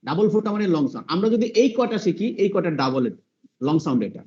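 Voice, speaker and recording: Man teaching, high voice, patient, repeats sounds, dull call audio. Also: sing-song, a little mellow. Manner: patient, repeats sounds slowly, asks the class questions. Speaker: English teacher. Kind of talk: online class teaching pronunciation.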